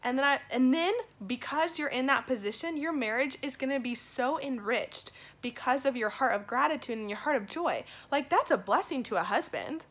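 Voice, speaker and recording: A young woman with a fairly high, bright and forceful voice. She talks casually to her phone like a vlogger, earnest and emphatic as she encourages her viewers. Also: expressive, normal speed, few pauses. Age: young adult. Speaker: vlog host giving an encouragement message. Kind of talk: casual motivational talk to camera. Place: small indoor room at home. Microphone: phone at arm's length.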